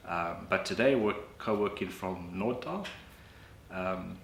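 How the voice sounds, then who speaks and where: A man, answering interview questions in a relaxed way, correcting himself now and then. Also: low voice, slow pace, vocal fry. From South Africa. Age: late 30s. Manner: relaxed, with fillers and self-corrections. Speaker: author and freelance economist. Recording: echoey room with background noise.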